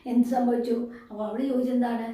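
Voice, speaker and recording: A woman teacher with a somewhat high, mellow voice, talking through a story lesson. She keeps asking her pupils questions and answers them herself. She is heard from some distance in a very echoey room. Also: flat delivery, fast. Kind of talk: explaining a story lesson to a class.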